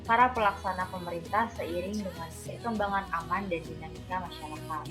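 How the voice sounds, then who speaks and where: A woman with a fairly low voice reads a scripted narration in an even, recited cadence. Music plays clearly beneath her. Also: brisk. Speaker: student narrator. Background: background music.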